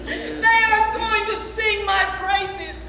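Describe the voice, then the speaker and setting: A woman giving a slow, drawn-out prophetic word during church worship, her phrases swelling toward song. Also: extremely high pitch, fairly even intonation, bright, forceful tone, a faint crowd, slight background noise. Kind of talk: prophetic exhortation over worship music. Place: large church sanctuary. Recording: echoey hall with music behind.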